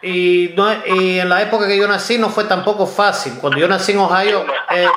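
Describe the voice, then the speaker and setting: High-voiced man hosting an interview. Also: fairly even intonation, reverberant, very noisy. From United States. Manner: halting, repeats words. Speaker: host.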